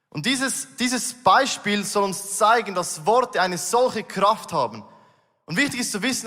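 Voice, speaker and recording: A man with a fairly high voice delivers a sermon from a church stage. He talks to the listeners directly, earnest and emphatic. The sound rings with a long hall reverb. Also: pushed and bright. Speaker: preacher. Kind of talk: sermon with live illustration. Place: church stage before a congregation.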